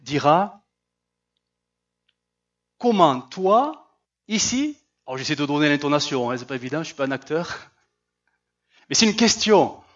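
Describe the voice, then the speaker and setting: Male pastor, sermon, high and very lively voice, acts out scripture, slightly muffled recording. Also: brisk. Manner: animated, acts out Bible voices, rhetorical questions.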